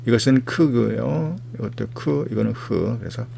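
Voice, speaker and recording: A man's voice: medium pitch, normal speed, creaky, dark tone, a little hiss or hum. A man teaching biblical Greek words in a lecture, patiently repeating each term several times. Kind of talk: vocabulary lecture with repeated drills.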